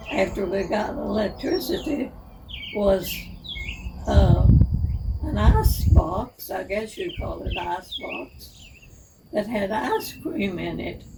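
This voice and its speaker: Very old woman, very slow and halting. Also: mid-range voice, vocal fry. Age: 105, very old. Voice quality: aged, elderly voice. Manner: halting, in short broken phrases. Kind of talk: unscripted reminiscing about the old days. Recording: distant mic, noisy, birdsong behind.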